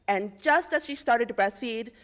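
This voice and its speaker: A rehearsed policy pitch comes from a young woman from Indiana whose voice is slightly high and a bit bright. Clear and measured, she builds a persuasive case from facts and figures.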